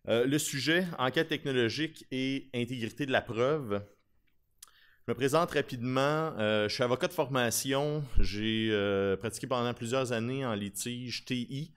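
A man in his thirties with a Québécois French accent speaks at a conference lectern. His voice sits a little low. He presents in an informal, talkative way into a podium microphone. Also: clear, resonant tone. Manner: informal, talkative, with self-deprecating humour. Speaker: conference speaker, lawyer specializing in digital forensics. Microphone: podium gooseneck microphone.

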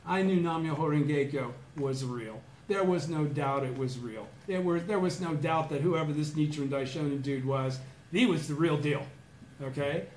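Animated Southern Californian man telling a story. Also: on the high side, moderate pace. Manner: animated storyteller who acts out his own past words, shouts and chanting. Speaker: study group member telling a personal story. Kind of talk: casual storytelling to a small group. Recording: echoey room with faint background noise.

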